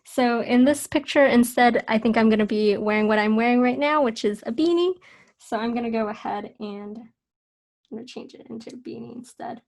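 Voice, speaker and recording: A young woman with a fairly high voice walks through a drawing lesson at her desk. She talks in a loose, chatty way, full of fillers, and changes her mind as she goes. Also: normal speed, gravelly. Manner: relaxed, chatty, with many fillers and self-corrections. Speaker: art instructor. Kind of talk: casual drawing tutorial.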